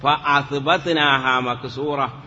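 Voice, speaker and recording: A male teacher giving a step-by-step Arabic grammar lesson, asking the class questions and drawing words out slowly. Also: mid-range voice, steady tone, bright, forceful tone. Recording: lo-fi, hall reverb, faint noise.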